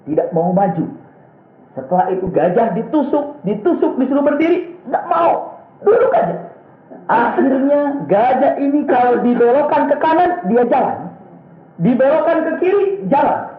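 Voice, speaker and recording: A man delivers a storytelling sermon in a high voice, acting out each character and chuckling as he goes. The sound is thin and phone-like, with a lot of room echo around him. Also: normal speed, slight background noise. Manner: animated, acts out characters with raised pitch, chuckles often. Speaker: preacher. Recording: echoey room on a tinny phone-like line.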